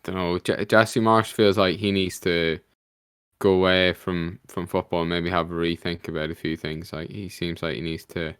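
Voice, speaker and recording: A man with a low, smooth, resonant voice chats loosely on a football podcast, stumbling and restarting his sentences as he goes. The sound is close and dry, with no room around it. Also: flat delivery, fairly bright tone, no room sound. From Ireland. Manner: halting, many restarts. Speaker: podcast co-host. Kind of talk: casual chat.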